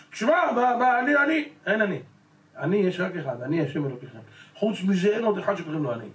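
A male rabbi giving a Torah lesson, pressing his listeners with rhetorical questions and calling them gentlemen. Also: high voice. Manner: addresses the audience as gentlemen. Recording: roomy echo, voice from a distance.

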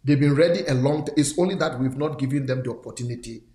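Fast and mellow, this mid-range male voice rings with reverb on an indoor studio set. The speaker, a sixty-something pastor hosting a talk show, mentors in a conversational way, encouraging listeners and hammering points home through repetition.

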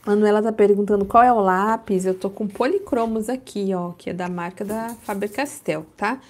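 A woman's voice: medium pitch, moderate pace. Woman chatting on a coloring live, talks viewers through her pencils. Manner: chatty, explains what she is coloring and with which pencils. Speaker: livestream host coloring a book. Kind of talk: casual livestream chat.

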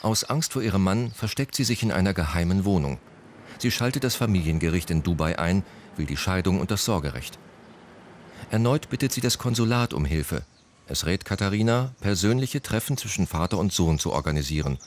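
A man reading a scripted news voice-over in a measured, even way. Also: low voice, slight background noise. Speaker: news narrator.

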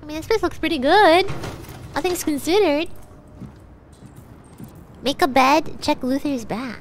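Young woman, stuffy nose, very high bright voice, slow unhurried talk, bubbly livestream chatter, faint background hiss. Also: lively intonation. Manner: bubbly, thanks viewers over and over, mixes in Japanese thank-yous. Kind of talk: casual gaming livestream.

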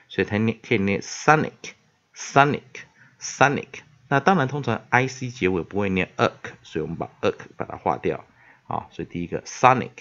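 A man with a Taiwanese Mandarin accent teaches English pronunciation in a classroom style. His fairly low voice moves lively up and down, and he fills his pauses with many drawn-out "ah"s, slowly repeating the words he teaches. The recording sounds dull and lo-fi. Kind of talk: classroom-style vocabulary lesson.

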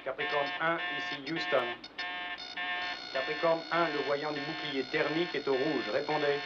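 A man's voice: on the high side, steady tone, moderate pace, loud music behind the voice. An actor playing a male mission controller who keeps calling insistently over a radio, in dubbed film acting. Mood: urgent. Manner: repetitive, insistent calls. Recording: muffled film soundtrack, loud alarms.

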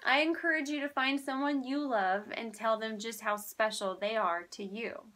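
At a normal speed and a slightly high pitch, a woman in her thirties hosts a storytime for young children. She presents and reads picture books with animated, exaggerated flair.

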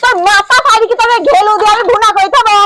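An actress playing a sharp-tongued village wife who scolds her husband in rapid bursts, in a comic short film. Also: extremely high pitch, fairly even intonation, a little hiss or hum. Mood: scolding.

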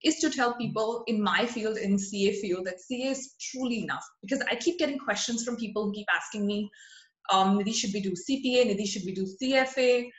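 Presenting a webinar over slides, this woman in her thirties speaks in an earnest, motivational way with an Indian accent. She comes from rural West Bengal, and her first languages are Hindi, Marwari and Bengali. Her medium-pitched voice moves a little fast, and the poor audio sounds roomy.

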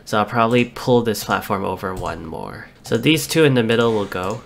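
A man's voice: lowish voice, sing-song, brisk, creaky. A man hosting a let's play, casually talking through the changes he made to his build, step by step. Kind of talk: casual gameplay commentary.

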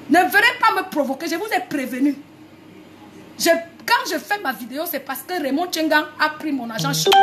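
Woman, very high voice, bright and sharp, heated confrontational rant, faint music behind. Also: slight background noise. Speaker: singer. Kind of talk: angry video rant.

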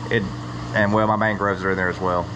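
A man's voice: fairly low pitch, level tone, fairly quick, noisy background. A man talking casually while filming his aquarium room on a handheld camera, rambling with lots of ums and giving eager tips to viewers. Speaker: hobbyist showing his aquarium build. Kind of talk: casual how-to vlog. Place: indoor fish room with tanks and pumps.

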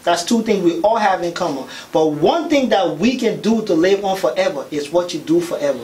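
High-voiced earnest man from Liberia. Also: expressive, a little fast, a little mellow, low-quality recording. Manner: earnest, repeats words for emphasis. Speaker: guest. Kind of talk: radio talk show interview. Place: small radio studio. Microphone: studio boom mic.

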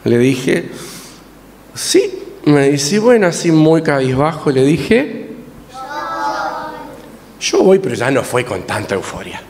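A man's voice: mid-range voice, normal speed. A man telling an interactive story to children at church, coaxing them to repeat lines after him. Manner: lively, coaxes the audience to repeat lines. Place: church hall. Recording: distant voice in a reverberant hall with faint noise.

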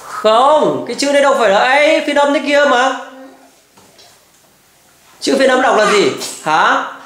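A man's voice: very high voice, lively intonation, unhurried, a bit bright, reverberant. A man tutoring a child at home, firmly correcting and repeating model words. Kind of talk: pronunciation drill.

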